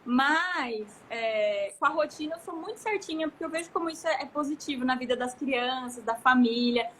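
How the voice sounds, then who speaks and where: High, bright-voiced expansive Brazilian woman. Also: normal speed, a little hiss or hum. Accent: Brazilian Portuguese. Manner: expansive, gesturing, animated storytelling. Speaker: guest. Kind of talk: casual live conversation.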